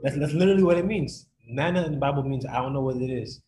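A man's voice: mid-range voice, fast, dark tone, slight background noise, poor audio. Man leading a casual Bible study. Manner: casual, checks in with listeners often. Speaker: youth Bible study leader. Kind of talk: informal Bible teaching to a group.

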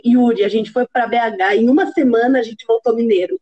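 A woman's voice: on the high side, a little fast. A woman in casual chat, laughing as she tells self-mocking stories. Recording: dull lo-fi sound.

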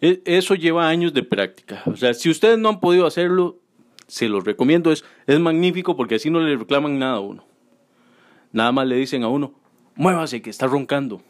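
A man's voice: a little high, expressive, brisk. A man around forty, doing a crude, self-mocking stand-up comedy monologue.

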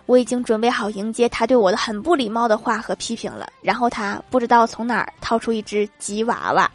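A woman's voice: a little high, expressive, fairly quick. A woman hosting a comedy segment, reading funny everyday anecdotes and laughing at her own punchlines. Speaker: host.

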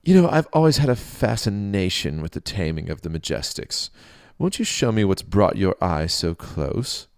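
A regal king speaks slowly and with authority, as a man puts him on. His voice sits low and is delivered with deliberate weight. The sound is dry and close. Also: very animated, no room sound. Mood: probing. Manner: measured, imperious, slow deliberate delivery. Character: regal male king, stern and commanding.

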